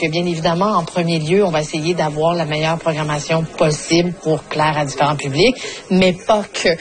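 Measured woman, lowish voice. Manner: measured, repeats set phrases. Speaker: comedy festival programmer. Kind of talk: interview answers.

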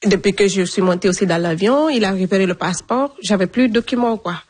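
Woman, interviewee, personal testimony, plain storytelling, spoken fillers, repeated phrases, mid-pitched voice. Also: quick pace, darkish tone. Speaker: interviewee recounting her migration.

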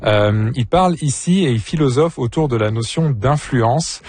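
A man, the show's producer, presenting a new song on the radio in a measured, explanatory way. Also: mid-range voice, animated, darkish tone, husky, no room sound. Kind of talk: radio music segment.

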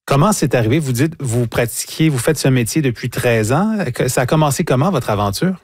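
Man hosting a radio interview on a dry studio mic, steady questions, medium pitch. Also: brisk, husky, dry recording. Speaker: radio host. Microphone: studio microphone.

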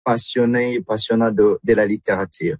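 Earnest, husky Congolese-born man. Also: fairly low pitch, fairly even intonation, normal speed, darkish tone, no echo. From Democratic Republic of the Congo. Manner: earnest, many hesitations and repeated words. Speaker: guest, literary club member. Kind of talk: radio interview.

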